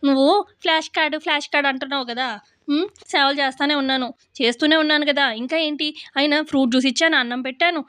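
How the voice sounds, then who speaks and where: Brief: sly young husband, grumbling and sarcastic, high bright voice, voiced by a woman. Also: fairly even intonation, fast, dry recording.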